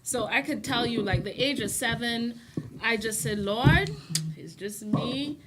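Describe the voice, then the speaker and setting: A Barbadian woman who is a singer-songwriter, talking as a guest in a radio interview in an animated way and laughing often. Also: fairly high pitch, unhurried, heavy background noise. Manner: animated, laughs often, sings short snatches.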